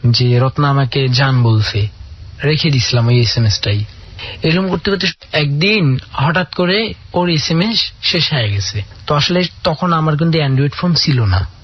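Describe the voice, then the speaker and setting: A man with a slightly high, husky voice recounts a long personal story on a call-in radio show. He tells it earnestly and acts out the dialogue. The broadcast audio sounds dull and lo-fi. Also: unhurried. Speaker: caller.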